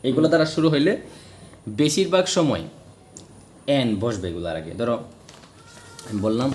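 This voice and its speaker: A man from Bangladesh gives a spoken English grammar lesson in a medium-pitched, slightly mellow voice. He explains things step by step and answers his own questions as he goes.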